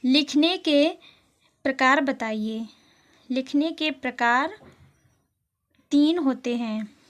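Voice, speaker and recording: A high-voiced woman teacher works slowly through an exam-prep lesson, reading out every question, walking through the answer, and reviewing the important terms once more.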